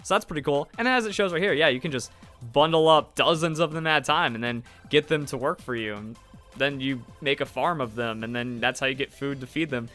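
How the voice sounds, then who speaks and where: A young man giving casual reaction commentary on a game trailer, rambling with lots of "like" and quick asides. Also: medium pitch, bright, forceful tone, faint music behind. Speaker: gaming YouTuber reacting to a trailer.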